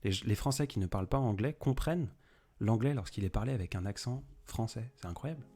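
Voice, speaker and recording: A young poet on a live stream chats casually and goes off on tangents, addressing viewers by name on the fly. He speaks briskly in a lowish, dark voice with lively intonation.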